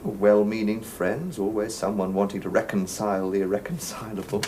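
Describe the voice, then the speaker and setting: This is a nonchalant male suspect in a TV crime drama, played by a man, with a fairly low voice. He is cool and mocking, and he takes his time with his answers. A faint hiss sits under the dialogue. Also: steady tone, normal speed, warm tone, lightly acted, poor audio. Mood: detached. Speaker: murder suspect. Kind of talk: British television drama acting.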